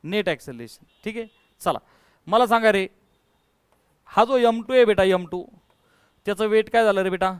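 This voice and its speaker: Male physics teacher, high voice, smooth and dry, pushes the class for answers. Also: moderate pace, pauses often, dry recording. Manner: coaxing, calls students to answer louder. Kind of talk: classroom lecture.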